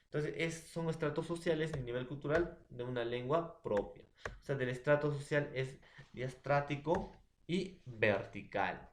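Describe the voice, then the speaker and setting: A man's voice: on the high side, moderate pace, slight background noise. A man with a Peruvian accent teaching a class, laying out examples one after another and often checking in with his students. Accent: Peruvian Spanish. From Peru. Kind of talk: classroom lecture. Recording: echoey room.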